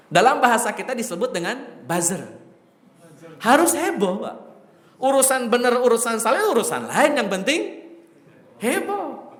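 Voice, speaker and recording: A man preaching, telling a story in a lively, joking way and addressing his listeners directly. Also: high voice. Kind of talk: sermon storytelling. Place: mosque hall. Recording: echoey mosque hall.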